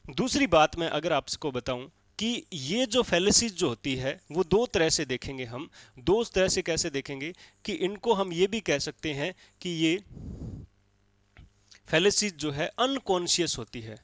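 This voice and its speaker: Guy teaching a class, bit high voice, keeps checking in, dry close sound. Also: expressive, a little slow, fairly bright tone, no echo. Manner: explains step by step with frequent checks like "theek hai". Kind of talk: classroom lecture.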